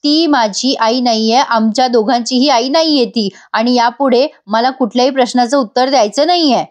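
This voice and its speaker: A woman's voice: a little high, moderate pace, natural voice. A woman voicing a grave young man who speaks curtly and firmly, ending the argument. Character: grave young man, a stern elder brother.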